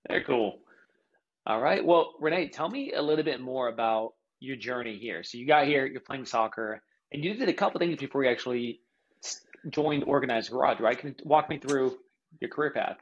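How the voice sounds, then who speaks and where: A man's voice: mid-range voice, lively intonation, brisk, breathy edge, lo-fi sound. A man hosting a podcast, chatting in an upbeat, casual way. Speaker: podcast host. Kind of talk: casual interview.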